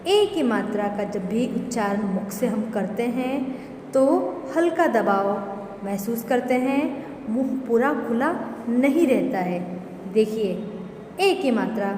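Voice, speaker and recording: Woman teacher, phonics lesson, slow deliberate delivery, words sounded out one by one, fairly high voice, echoey room with long reverb. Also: expressive, darkish tone, slight background noise. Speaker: school teacher.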